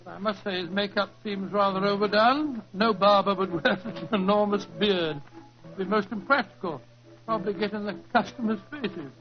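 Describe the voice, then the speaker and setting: A genial older English doctor with a high voice, recorded in muffled old radio sound. He is proper and a little fussy, phrasing everything like a storyteller of a bygone day. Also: normal speed, soft background music. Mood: mildly disapproving. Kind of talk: 1940s radio drama acting and storytelling. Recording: dull 1940s radio recording.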